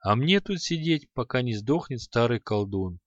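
A man's voice: mid-range voice, expressive, moderate pace, dry recording, natural voice. A chained demon grumbles and mocks in a sardonic drawl , as a man reading an audiobook plays him. The recording is dry and a little dull. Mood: sarcastic. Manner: sarcastic, mocking.

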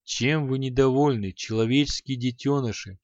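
A man's voice: medium pitch, animated, measured pace, no echo, lightly acted. A chained demon grumbles and mocks in a sardonic drawl , as a man reading an audiobook plays him. The recording is dry and a little dull. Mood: sarcastic. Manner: sarcastic, mocking.

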